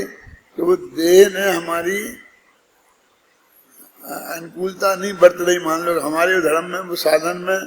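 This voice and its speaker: A man's voice: sits high, big-room sound, slight background noise, poor audio. A man giving a scripture discourse, explaining step by step and putting rhetorical questions to his listeners. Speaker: Jain scripture teacher.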